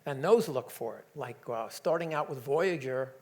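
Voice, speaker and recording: A man's voice: mid-range voice, moderate pace, a little mellow. A man giving a public science talk, enthusiastic and joking, with frequent hesitations. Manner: enthusiastic, joking, with many fillers. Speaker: lecturer.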